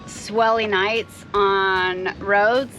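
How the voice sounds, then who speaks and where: A woman's voice: mid-range voice, steady tone, very slow, a bit bright, faint music behind. A North American woman chatting casually to the camera as a sailing vlogger on a boat. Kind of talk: casual vlog chat. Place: on a sailboat.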